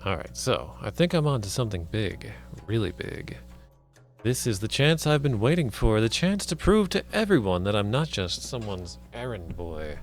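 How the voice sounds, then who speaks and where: Low-voiced man chatting on a game stream. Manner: chatty, asks viewers for feedback; reads game text aloud in a plain voice. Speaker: live streamer. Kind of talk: casual live-stream chat and reading aloud. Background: soft background music.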